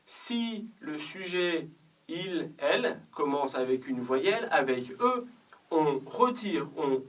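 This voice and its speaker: A French teacher giving a slow, careful grammar lesson and reading example questions aloud. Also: medium pitch, lively intonation, a bit bright, recorded from a distance, rough recording. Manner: slow, careful, drawn-out explanation with spoken example sentences.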